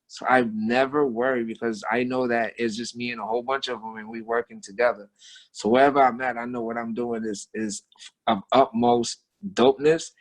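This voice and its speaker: Heard through a low-quality recording, this American man's mid-range voice belongs to a street artist who's a guest in a casual conversation. His storytelling and musings are full of repetitive slang and emphasis.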